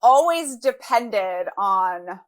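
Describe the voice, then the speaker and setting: A woman's voice: mid-range voice, animated, extremely slow. A woman in her thirties from Brazil, a guest author talking candidly in a casual interview with frequent fillers. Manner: candid, reflective, many fillers.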